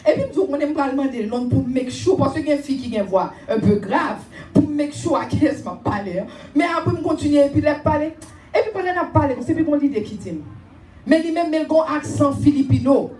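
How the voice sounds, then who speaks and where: A woman preaching a sermon and telling a personal testimony, animated and often raising her voice with laughter. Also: sits high, a little fast, echoey room, recorded from a distance, faint music behind. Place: church.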